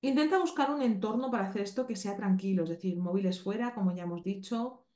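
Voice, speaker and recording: Speaking fast in a mellow, medium-pitched voice, a Spanish woman from Spain teaches animal communication in a podcast lesson. Her style is explanatory, with frequent check-ins with listeners, and the sound is roomy and echoey.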